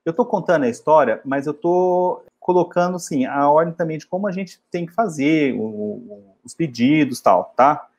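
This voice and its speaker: Man, English teacher, casual explanations, slow drilled example phrases. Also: a little high, animated, a little mellow. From Brazil. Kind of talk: travel English lesson.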